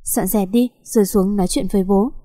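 A woman's voice: medium pitch, steady tone, a little fast, mellow, natural voice. Stern older father-in-law, read by a woman.

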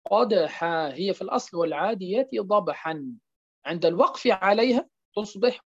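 A woman with a lowish, somewhat dark voice leads a tajweed class, questioning and answering herself, restating key terms, and regularly using rhetorical prompts to confirm her students are following. She teaches Quran recitation, and the recording is dull, lo-fi and dry, with no echo.

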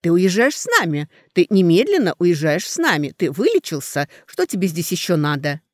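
Guy doing a bossy aristocrat mom in an audiobook, loud and scolding, lively pitch, dry sound. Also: normal speed, no room sound. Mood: imperious, shouting. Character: domineering aristocratic mother, imperious and shrill. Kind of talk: audiobook character voice.

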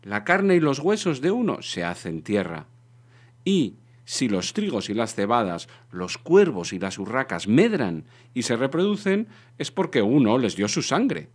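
Man, literary story reading, measured and expressive, lively rising and falling pitch, mid-pitched voice. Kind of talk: scripted literary narration.

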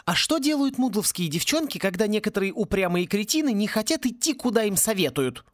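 A man doing a bubbly, high-pitched young witch girl. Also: sing-song, a little fast, dry recording, studio quality. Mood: curious.

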